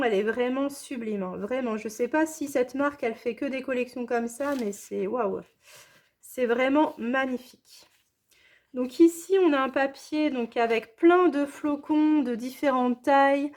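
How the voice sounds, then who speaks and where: A high-voiced woman talks through her unboxing in a relaxed, chatty way. She gushes with enthusiasm and keeps coming back to the same words of praise. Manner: enthusiastic, gushing, repeats praise. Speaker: scrapbooking vlogger. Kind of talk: casual unboxing chat.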